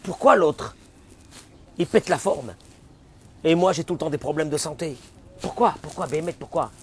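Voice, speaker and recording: A man, a rabbi, giving a dramatic Torah class, acting out the voices of complaining people and swinging from loud cries to hushed whispers. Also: a little high, normal speed, slightly rough. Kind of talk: animated sermon.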